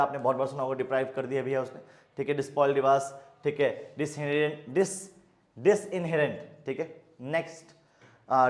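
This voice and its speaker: A man teaching a lively online vocabulary lesson, mixing Hindi and English, with playful jokey asides and a steady "okay" between words. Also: fairly high pitch, roomy sound. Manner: lively, mixes Hindi and English, repeats "ठीक है" often.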